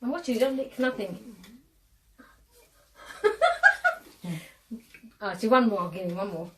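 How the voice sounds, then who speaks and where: A woman's voice: a little high, expressive, a little slow. A woman hosting a casual live stream, bossy and teasing, laughing often. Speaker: host. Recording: voice a bit far from the mic.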